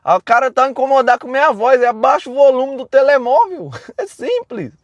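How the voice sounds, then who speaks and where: Man, high-pitched voice, loud blunt live-stream preaching, dry close sound. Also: lively intonation, a little fast, no echo, highs cut off. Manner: loud and blunt, talks straight to viewers.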